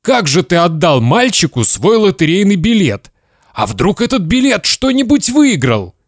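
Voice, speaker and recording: A man's voice: high voice, very animated, normal speed, dry recording, studio quality, voice pushed up, full character voice. Man doing a stern, flustered dad. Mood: alarmed. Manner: stern, interrogating, then pleading. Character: flustered, nervous father, growing frantic.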